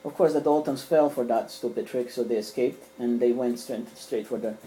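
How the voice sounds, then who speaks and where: A middle-aged man with a mellow, mid-range voice walks through his comic collection at a moderate pace in a small home room. Serbian is his first language, and he rambles casually with fillers and restarts. The recording is rough, with slight background noise.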